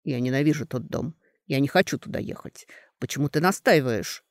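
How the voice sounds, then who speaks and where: A man voicing a calm, stubborn young man who quietly stands up to his mother in an audiobook. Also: medium pitch, brisk, no room sound, studio quality, close to an everyday voice. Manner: quiet, calm, softly firm. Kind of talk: audiobook character voice.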